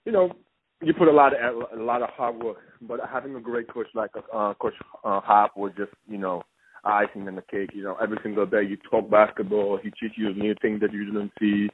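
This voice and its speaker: A young man from Senegal, a former basketball player, talking as a phone-in guest in a halting way with frequent restarts. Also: fairly low pitch, fairly even intonation, slightly rough. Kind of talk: casual phone interview. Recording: tinny phone line with faint hiss.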